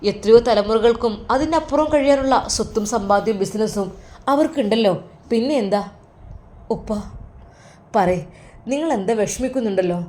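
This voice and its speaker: A woman's voice: on the high side, expressive, moderate pace, long pauses, dark tone, natural voice. A woman voicing a devoted, guilt-ridden young man in a spoken story, earnest and reassuring.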